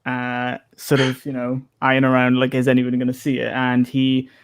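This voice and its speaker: A man narrating a tabletop game as game master in a casual, improvised, halting way. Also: mid-range voice, monotone, clean tone.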